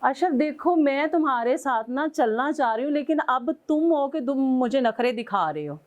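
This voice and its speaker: Pakistani woman, high voice, upset caller, scolding and pleading. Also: expressive, normal speed, dull audio. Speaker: caller, estranged wife. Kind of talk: angry phone call to husband.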